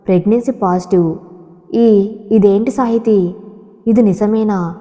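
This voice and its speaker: A woman's voice: mid-range voice, unhurried, dark tone, lightly acted. A woman reading the lines of a cold, dismissive young husband who speaks curtly and harshly, in a storybook. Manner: curt and harsh. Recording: long hall reverb.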